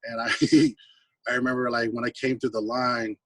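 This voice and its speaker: In a casual, slangy, laid-back chat, a guest singer-songwriter from the American West Coast and Hawaii tells stories from his life. His medium-pitched voice holds a level tone at a moderate pace and comes across pushed and bright. He sits far from the mic, though the audio has no room sound.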